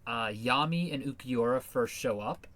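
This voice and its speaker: A man's voice: medium pitch, moderate pace, fairly bright tone. A man hosting a casual podcast chat, laid-back and hesitant, with many fillers. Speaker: podcast host.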